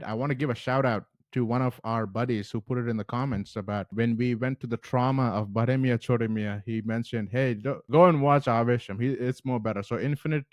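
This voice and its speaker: Man, mid-pitched voice, casual vlog reviewer, enthusiastic, conversational, dry sound. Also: dry recording. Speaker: movie review host.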